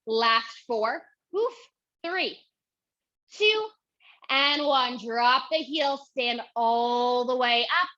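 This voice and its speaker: Young female Pilates instructor, winded mid-workout, unhurried cueing, slightly high, lo-fi recording. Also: lively intonation, bright, forceful tone. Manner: counts reps and cues moves while exercising. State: out of breath. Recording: dull lo-fi audio.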